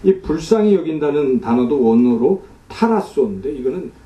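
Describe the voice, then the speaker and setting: A man's voice: on the high side, sing-song, moderate pace, dark tone, reverberant, distant mic, rough recording. A man preaching a sermon as a pastor, explaining scripture and asking the congregation rhetorical questions. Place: church sanctuary.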